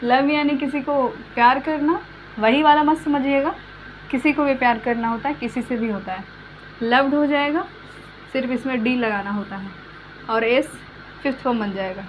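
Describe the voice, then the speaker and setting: Woman teaching English verbs, dull lo-fi sound. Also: high voice. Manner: explains slowly with repeated examples. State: coughing now and then. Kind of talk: spoken English lesson. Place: home room with fan switched off. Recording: dull lo-fi recording with faint hum.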